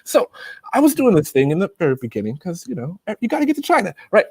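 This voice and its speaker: A man from the United States, a YouTuber guest, casually telling animated anecdotes and laughing often. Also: sits high, quick pace, slightly rough, dry recording. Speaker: interview guest, Chinese-teaching YouTuber. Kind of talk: casual storytelling in a video interview.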